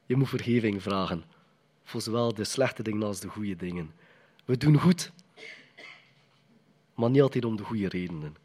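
A man's voice: fairly low pitch, moderate pace, pauses often, darkish tone, husky. A man preaching a sermon in a conversational, emphatic way, often putting questions to the congregation.

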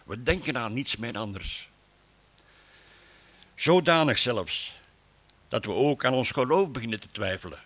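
A man preaching a sermon, opening with a prayer and a Bible reading in an earnest, measured way. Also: medium pitch, expressive, a bit bright, slightly rough. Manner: earnest, measured, with frequent restarts.

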